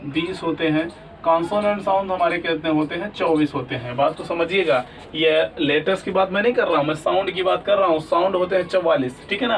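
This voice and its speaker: Male teacher, high voice, quizzing style, slightly distant mic with light background hiss. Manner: asks questions then answers them himself; repeats "ठीक है ना?" often. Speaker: English teacher. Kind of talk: classroom lesson.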